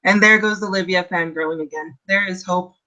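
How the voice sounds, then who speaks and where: A woman's voice: fairly low pitch, fairly even intonation, fairly quick, bright, forceful tone. A woman in her thirties from Canada, co-hosting a casual book club live stream, chatty and rambling, with self-deprecating asides. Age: 30s.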